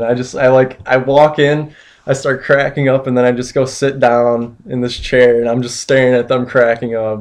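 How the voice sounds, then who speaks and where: A man's voice: mid-range voice, a little mellow. A young man telling a story in a casual, rambling way, with lots of "you know" and "like". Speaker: vlogger.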